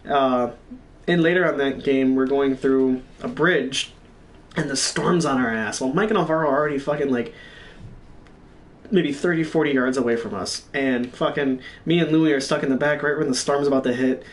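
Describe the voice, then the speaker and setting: A man hosting a gaming channel, telling stories in a rambling, halting way with lots of swearing. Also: medium pitch, far from the mic. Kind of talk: casual solo storytelling stream.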